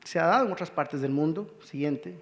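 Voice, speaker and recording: A man's voice: fairly high pitch, brisk. A man from Rica, giving an earnest conference presentation and calling for the next slide. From Costa Rica. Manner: earnest, urging, cues slides. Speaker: conference speaker. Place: conference hall. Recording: long hall reverb.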